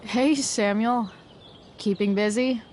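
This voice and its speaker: A woman's voice: a little high, takes it slowly, a little mellow, a little hiss or hum. An actress playing a sarcastic, rebellious teenage girl in a video game, with casual, slangy delivery. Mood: wry, casual.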